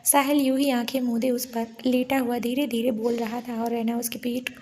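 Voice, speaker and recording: Woman, high voice, story narrator, soft, unhurried, emotional romance reading. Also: level tone, a little hiss or hum.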